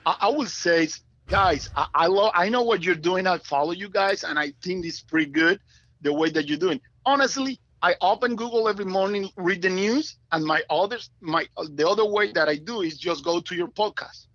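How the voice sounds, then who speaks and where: A man's voice: sits high, fairly bright tone, no room sound, highs cut off. Man on a call. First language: Spanish. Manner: halting, searching for words. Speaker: caller. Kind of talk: casual call-in talk.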